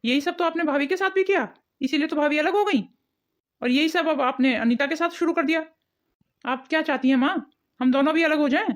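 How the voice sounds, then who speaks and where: A woman's voice: high-pitched, brisk, close to an everyday voice. A woman voicing an exasperated young husband and son in a cartoon family drama, lecturing and fed up.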